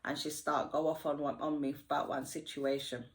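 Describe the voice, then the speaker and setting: Woman, storytime vlog, slangy and lively, lowish voice. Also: moderate pace. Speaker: vlogger. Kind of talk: storytime while getting ready. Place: home.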